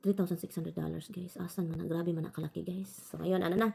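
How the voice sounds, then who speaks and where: A woman from the Philippines chats quickly to her vlog viewers in a mellow, dark-toned voice. She rambles, restarts sentences and keeps calling her audience "guys". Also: fairly low pitch, level tone, vocal fry, breathy edge. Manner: frequent self-corrections and restarts. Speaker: vlogger. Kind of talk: casual storytelling to viewers.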